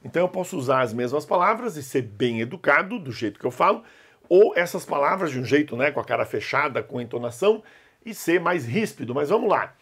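A man's voice: on the high side, very animated, brisk, fairly bright tone, slightly rough. A man teaching an online language lesson, coaxing his students to repeat words aloud. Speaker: Arabic teacher.

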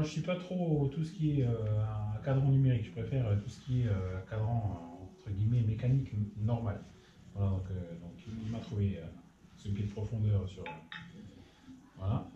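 A man hosting his own workshop channel, explaining machining in a casual technical tutorial, often pausing with fillers. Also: fairly low pitch, mellow, dull audio, slight background noise. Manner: hesitant, many filler pauses. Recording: roomy echo.

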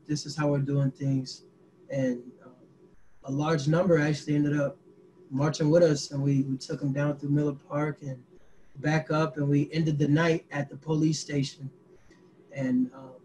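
A man in his twenties, speaking from a small room into a laptop mic on a video call. His voice sits a bit high and stays level in pitch. He tells a story haltingly, with many fillers, and faint noise sits under his voice. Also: dark tone, poor audio. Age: 20s. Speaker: youth activist guest. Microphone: laptop webcam mic, group on one call.

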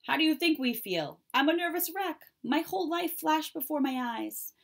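A woman voicing nervous, dramatic farm cows in a children's storybook read-aloud, fretful and loud. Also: high-pitched, animated, normal speed, vocal fry, voice pushed up, heavily acted.

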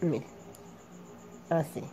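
Calm woman teaching hand embroidery. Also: slow. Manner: patient, explains each stitch while working. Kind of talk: step-by-step hand embroidery tutorial.

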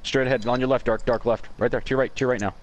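A man's voice: mid-range voice, steady tone. A man calling out directions to his squad during an online shooter match. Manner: rapid directive callouts. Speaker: gamer calling out plays. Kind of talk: shooter game squad chat. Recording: gunfire noise behind.

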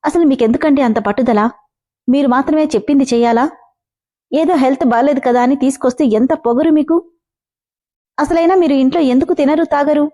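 Woman narrator voicing a wounded young wife; earnest, mellow, a little high. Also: brisk. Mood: angry. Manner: pleading then scolding.

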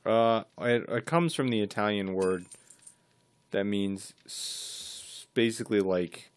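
A man's voice: fairly low pitch, slow, a little hiss or hum. A man streaming a co-op game, chatting casually and reading facts aloud in a dry, matter-of-fact way. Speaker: gaming streamer. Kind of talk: casual co-op gaming chat.

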